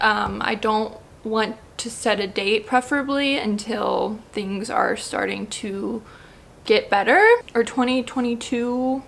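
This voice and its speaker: A young woman in her twenties talks straight to camera in a casual vlog, her voice a little high with a gravelly fry at the ends of phrases. She is tearful and sniffly, gushing with excitement and breaking off to collect herself. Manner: emotional, teary and gushing. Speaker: vlogger. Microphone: camera mic with ring light.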